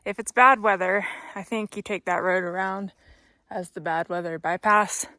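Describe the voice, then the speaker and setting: A woman's voice: medium pitch, fairly even intonation, normal speed, pushed and bright, no echo. A young adult woman chatting casually to her camera outdoors on a mountain hiking trail. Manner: chatty and upbeat, talking to the camera while walking. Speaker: hiking vlogger. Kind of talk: casual trail vlog narration.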